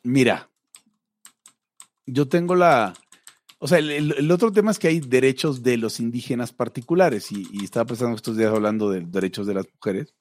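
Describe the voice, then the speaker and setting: Mexican guy on a podcast, thinking out loud, lots of "este", dry close mic. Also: medium pitch, normal speed, no echo. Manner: musing, hesitant with fillers. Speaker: podcast co-host. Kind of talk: casual chat.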